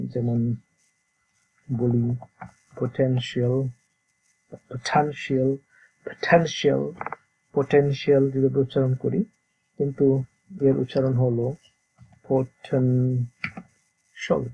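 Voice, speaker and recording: A man, teaching English pronunciation in a slow, halting way, repeating words to demonstrate them. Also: medium pitch, creaky, slightly rough. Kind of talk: course promo and pronunciation lesson. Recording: dull lo-fi sound.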